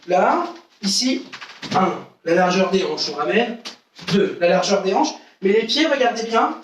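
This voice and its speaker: A man's voice: sits high, recorded from a distance, slight background noise. A man teaching a live online karate class, explaining technique and calling out counts and commands to his students. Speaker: karate instructor. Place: room at home with window. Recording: very echoey room, away from the mic.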